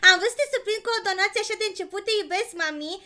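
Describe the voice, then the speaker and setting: A woman live-streaming in casual chat with her viewers, excitable, swinging between loud outbursts and quiet murmurs and gushing thanks to donors. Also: very high-pitched.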